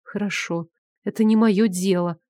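A prickly young woman who is easily riled, as the woman reader puts her on. She speaks in a mid-pitched voice, sharp and scolding, in a dry, close audiobook read. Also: fairly even intonation, normal speed, no echo, natural voice. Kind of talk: audiobook character voice.

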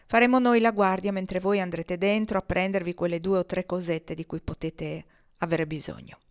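A woman's voice: fairly low pitch, steady tone, moderate pace, natural voice. A woman reading an audiobook, voicing a friendly bearded frontier man who leads a group.

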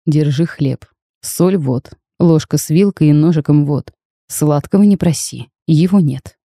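Audiobook: woman reading a cold, threatening dragon bridegroom, curt and harsh, in a dark mellow low voice, dry close sound. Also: normal speed, dry recording, natural voice. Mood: gruff stern. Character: stern young male dragon groom, cold and threatening.

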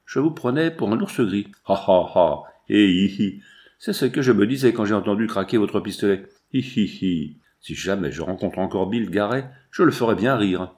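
A man voicing a jovial old male mountain trapper with a gruff, folksy, cackling manner. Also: on the low side, animated, normal speed, hardly any pauses, natural voice. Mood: amused.

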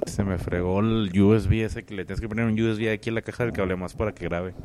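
A man's voice: fairly low pitch, steady tone, fast, a crowd in the background. A man co-hosting a podcast in casual chat, joking and teasing his co-host.

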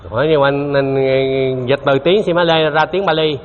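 A man's voice: a little high, fairly even intonation, normal speed. A man giving a Buddhist dharma talk, conversational, repeating himself and quizzing his listeners. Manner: conversational, repeats himself, asks the audience questions. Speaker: Buddhist teacher. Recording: dull lo-fi hall recording with faint noise.

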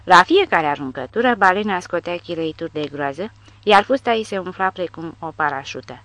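A woman reading an audiobook with lively storytelling. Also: on the low side, no echo. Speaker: audiobook narrator. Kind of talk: audiobook narration.

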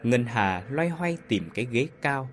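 A man's voice: mid-range voice, animated, unhurried, faint music behind. Man narrating a ghost story. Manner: dramatic storytelling delivery.

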